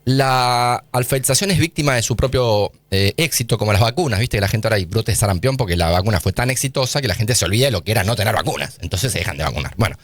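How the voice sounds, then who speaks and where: A man's voice: lowish voice, lively intonation, quick pace, hardly any pauses, no room sound. A man with an Argentine accent, a guest scientist in a radio studio interview, explaining eagerly and using casual slang. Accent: Argentine Spanish.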